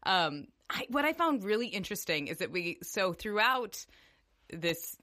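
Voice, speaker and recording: Bright, animated, sweary woman. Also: medium pitch, a little slow. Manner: emphatic, heavily sweary. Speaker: podcast panelist. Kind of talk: casual chat.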